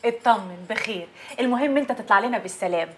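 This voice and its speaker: Actress playing a reassuring Egyptian woman, high voice, rattling fast. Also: a bit bright, a little hiss or hum, close to an everyday voice. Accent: Egyptian Arabic. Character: reassuring woman caring for an old man.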